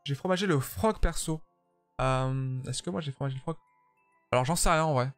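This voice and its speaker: A man's voice: medium pitch, normal speed, no room sound, faint music behind. A tired man chatting casually with his viewers while streaming a game, joking and swearing freely. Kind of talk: casual live-stream commentary while playing.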